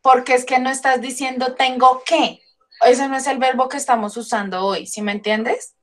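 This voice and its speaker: A woman English teacher running an online class over a video call, warmly calling her pupils sweetheart and love. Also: high voice, fairly even intonation, normal speed. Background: pupils joining in on the call.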